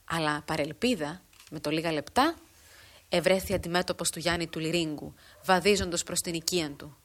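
A woman reading a literary story aloud, in a measured, formal storytelling manner. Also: lowish voice, a bit bright. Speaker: narrator. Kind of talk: scripted narration of a literary story.

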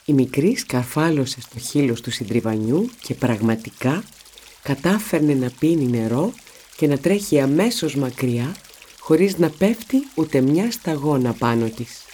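A woman narrating a children's story in a steady, expressive reading voice. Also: a bass voice, a little hiss or hum.

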